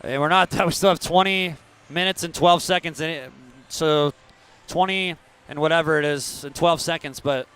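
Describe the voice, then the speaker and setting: Male hockey play-by-play voice, smooth and resonant, slightly high, conversational live commentary. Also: normal speed, a bit bright. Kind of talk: live sports commentary with promotional reads.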